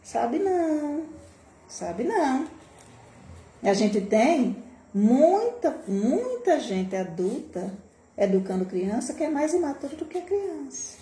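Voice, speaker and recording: A woman's voice: big pitch swings, a little slow. Emphatic Brazilian woman, echoey room. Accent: Brazilian Portuguese. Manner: emphatic, rhetorical questions, mimics scolding adults with sharp pitch jumps. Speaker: early childhood educator hosting a live stream. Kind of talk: impassioned live-stream talk. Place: home room, recorded for a social media live. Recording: echoey room with faint background noise.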